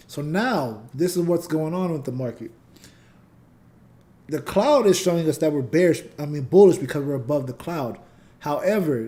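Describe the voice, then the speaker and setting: This mellow, mid-range voice belongs to a man running a trading channel, where he teaches and casually analyzes price charts live while responding to the chat. His voice is growing a little scratchy.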